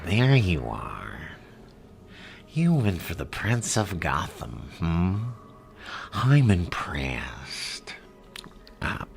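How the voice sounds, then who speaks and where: An actor playing a theatrical, menacing madman crime boss in an ASMR roleplay, mocking and drawn-out, often slipping into a whisper. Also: a bass voice, fairly bright tone, exaggerated voice. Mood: mocking, sinister. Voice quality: gravelly.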